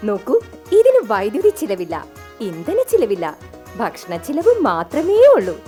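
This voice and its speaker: Actress as a bossy salesy wife, very animated high voice, light music underneath. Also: female voice, a little slow. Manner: sales-pitch presenter tone, bossy. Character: bossy wife selling her husband like a product, woman. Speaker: stage comedian. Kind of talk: mock advertisement in a stage skit.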